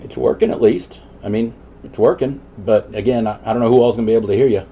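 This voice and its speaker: Chatting informally as a CB operator, this man has a lowish voice and a quick pace. Static hisses behind the muffled radio sound.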